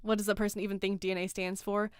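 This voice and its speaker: A woman hosting a livestream in casual chat, sarcastic and animated, reading out chat comments. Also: medium pitch, fast talker, clean tone, no room sound, clean studio sound. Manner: animated, sarcastic, reads chat aloud, swears and laughs. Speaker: livestream host.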